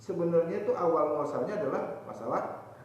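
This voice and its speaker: A man preaching at a boarding school, lively, asking his listeners questions and answering them himself. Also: a little high, brisk, a little hiss or hum. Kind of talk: evening religious talk to students. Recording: distant, echoey hall, dull lo-fi sound.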